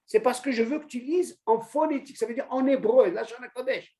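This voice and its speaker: A man teaching an informal religious lesson to a small group, animated, asking questions and calling on a student by name. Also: very high voice, fairly quick. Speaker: Torah teacher.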